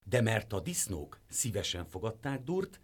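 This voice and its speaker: A man's voice: fairly low pitch, slightly rough. A man narrating a fairy tale, acting out the voices as he reads. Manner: very animated, acts out voices. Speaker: storyteller. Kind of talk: storybook narration.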